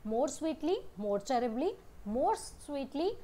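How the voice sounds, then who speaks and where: Slow-speaking Indian woman teaching grammar. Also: high-pitched, very animated, warm tone. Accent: Indian English. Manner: slow, drawn-out reading of word lists; mixes English and Hindi explanations. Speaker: English teacher. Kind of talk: explaining grammar lesson.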